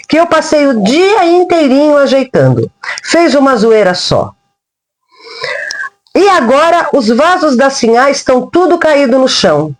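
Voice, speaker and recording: A woman's voice: high-pitched, pitched above the performer's own voice. A woman voicing a fiery older woman with a rural Brazilian accent who scolds in folksy speech.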